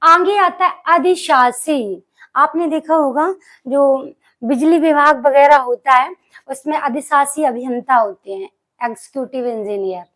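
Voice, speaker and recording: A woman with a high voice leads an exam-prep spelling lesson as a teacher. She keeps asking the class questions and answering them herself. She draws out key words slowly to stress how they are spelled. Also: a bit bright.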